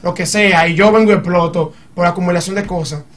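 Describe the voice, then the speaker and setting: A man with a high voice talks quickly, piling example on example as he argues in a casual group chat. He sits a bit back from the microphone, so his voice sounds slightly distant. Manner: animated, argues by giving examples.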